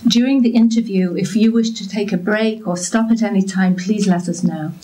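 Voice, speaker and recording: A woman's voice: mid-range voice, moderate pace, warm tone, poor audio. A woman interviewing for an oral history project, asking polite, formal questions.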